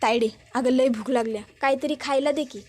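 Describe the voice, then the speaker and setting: A hungry young village girl begs for food, voiced by a woman. Plaintive country dialect, high in pitch. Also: fairly even intonation, brisk, a little mellow.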